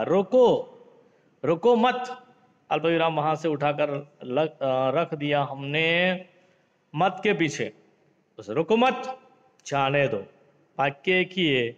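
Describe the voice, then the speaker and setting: Slow, lively male teacher in a reverberant room. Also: on the high side. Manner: explains slowly with examples, mixes in English words, addresses the class as friends; reads example sentences in a lifted, acted voice. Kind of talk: classroom grammar lesson. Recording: dull lo-fi sound in a reverberant room.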